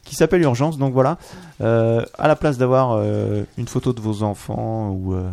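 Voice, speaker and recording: Man, low gravelly voice, mellow tone, halting, lots of fillers. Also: steady tone, no room sound. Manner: hesitant, halting, many fillers. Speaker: podcast guest. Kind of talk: casual chat among friends.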